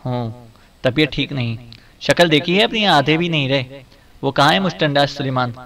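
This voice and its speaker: A man voicing a fierce, superstitious elderly mother who scolds loudly and shrilly. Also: medium pitch, moderate pace, lightly acted. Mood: angry scolding.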